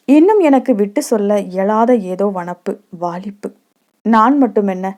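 A woman reads a short love story aloud in a soft, reflective way. Her voice is mellow and warm rather than bright, and it sits at a middle pitch.

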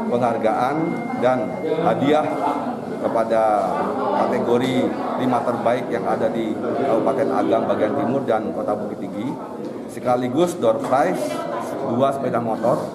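A man giving a formal press statement as a police chief in a large indoor hall. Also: mid-range voice. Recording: echoey hall, loud crowd behind.

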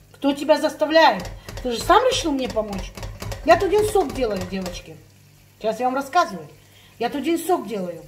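Fired-up woman venting to the camera. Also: high voice. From Russian-speaking, living in Spain. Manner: heated, emphatic, repeats herself, addresses viewers as girls. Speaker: vlogger. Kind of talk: ranting chat to viewers.

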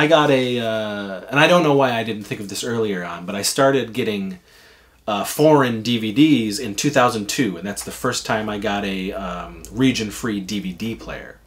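A man's voice: on the low side, a little slow, fairly bright tone. A man in casual podcast chat, telling a rambling, enthusiastic story and swearing freely. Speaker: podcast regular.

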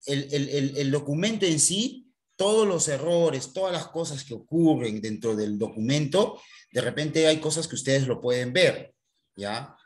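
A man teaching a computer class in an online recording. He talks straight to his students and keeps checking with a quick "¿ya?". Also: mid-range voice, lively intonation.

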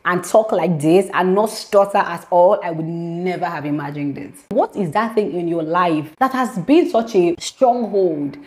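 A woman's voice: lowish voice, unhurried, few pauses, a little mellow. Earnest woman teaching the Bible. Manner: earnest, preachy, reads scripture aloud and explains it. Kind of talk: devotional teaching to camera. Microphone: camera mic, speaking to camera.

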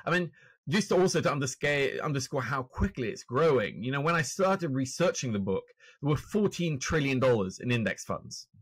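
With lively intonation, a slightly rough mid-range voice and a normal pace, a man in his forties from Norway speaks with a British accent in a dry recording. As a guest author and finance journalist on a video-call podcast, he's self-deprecating and full of restarts. He's indoors in a home room with shelves, speaking into a podcast microphone on a stand.

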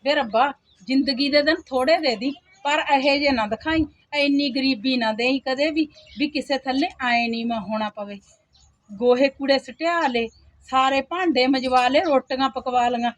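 A woman's voice: high voice, moderate pace, natural voice. A woman playing a poor young village mother who works as a day laborer, weary and complaining. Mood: lamenting. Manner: plaintive, complaining, sighs to God. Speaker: actor in a home-made skit. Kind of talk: amateur village drama.

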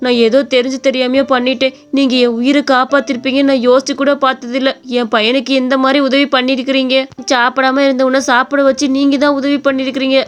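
A woman's voice: high-pitched, level tone, fast talker, few pauses, clear, resonant tone, lightly acted. A woman voicing a remorseful elderly woman who speaks in a regretful, pleading way. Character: remorseful old woman, humbly apologizing.

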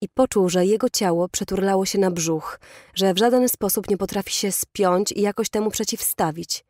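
Brief: woman audiobook narrator, steady and measured, dry close studio sound. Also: medium pitch, dry recording. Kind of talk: scripted narration.

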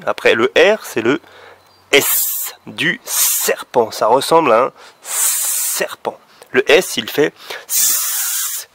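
Slow, gravelly, bright-toned male teacher. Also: medium pitch, background noise. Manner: patient, drawing out each letter sound. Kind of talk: phonics lesson for young children.

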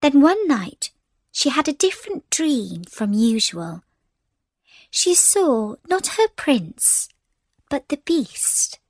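Slow, gentle woman storyteller. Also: high-pitched, big pitch swings, no room sound. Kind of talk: scripted storybook narration.

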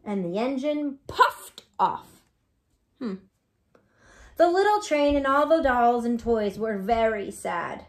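A woman teacher reading a storybook to children, gently and with soft asides. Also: on the high side, expressive, slow pace.

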